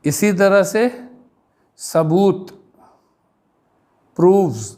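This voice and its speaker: Slow, deliberate Indian teacher, man. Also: high-pitched, lively intonation, dark tone. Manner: slow, deliberate, spells words out letter by letter. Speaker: English teacher. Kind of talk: classroom pronunciation lesson.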